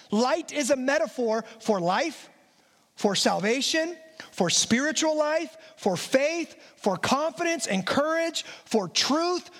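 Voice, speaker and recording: High-voiced preacher in an echoing hall. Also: male voice. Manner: emphatic, repeats phrases in lists for weight. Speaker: pastor. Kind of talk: sermon. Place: church sanctuary. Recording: long reverb of a church hall.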